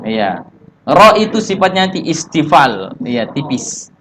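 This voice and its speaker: A man with an Indonesian accent teaching tajwid, explaining in short phrases and slipping into slow chanted recitation. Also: fairly high pitch, big pitch swings, a bit bright, a little hiss or hum. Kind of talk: religious tajwid lesson with recited examples.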